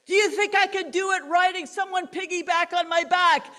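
Woman voicing a bold male tightrope showman, shouting out to a crowd, sermon retelling. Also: extremely high pitch, steady tone, normal speed, pitched above the performer's own voice. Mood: boastful. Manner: shouting challenges. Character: boastful male tightrope walker calling to crowd.

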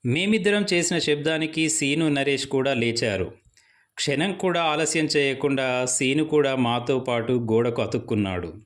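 A young man telling his own ghost story to listeners, building suspense line by line. His voice sits at an ordinary middle pitch, and his delivery stays steady and unhurried. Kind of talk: first-person ghost story narration.

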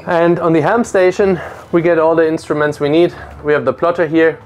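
Slight background noise accompanies a man in his thirties touring a motor yacht on a lake, deck to cabins, with a lapel mic. His fairly high voice stays steady and fairly quick as he methodically explains and lists the boat's features.

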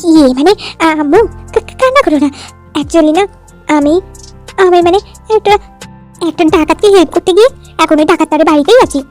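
A woman's voice: very high-pitched, animated, a little fast, pauses often, a little mellow, faint music behind. Woman voicing a panicky flustered younger sister. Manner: panicky, whiny.

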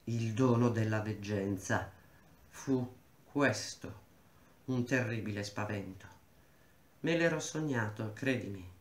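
Man reading a novel, echoey room. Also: lowish voice. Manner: measured, unhurried literary reading. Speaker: reader.

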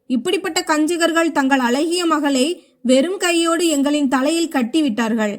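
A woman's voice: sits high, moderate pace, lightly acted. A woman reading the lines of an angry, domineering middle-aged mother-in-law in a storybook narration, scolding and harsh. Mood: bitter.

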